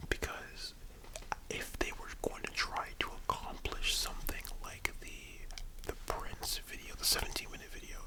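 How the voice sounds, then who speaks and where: A young man giving a casual, musing ASMR monologue in a soft, breathy library whisper, with halting delivery. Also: low-quality recording. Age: young adult. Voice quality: hushed, breathy unvoiced whisper. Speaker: ASMR video host.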